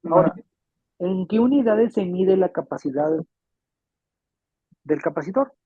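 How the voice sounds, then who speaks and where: Male instructor, fairly high husky voice, patient and repetitive, tinny phone-like recording. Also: lively intonation, measured pace, no echo. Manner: patient, repeats points and checks understanding. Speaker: refrigeration electronics instructor. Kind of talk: classroom lecture. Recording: tinny phone-like dry sound.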